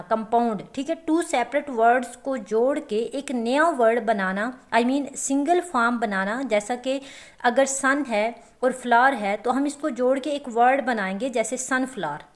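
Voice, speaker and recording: Woman, teacher, high voice, patient step-by-step explaining. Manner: explains slowly with repeated check-ins. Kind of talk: lecture.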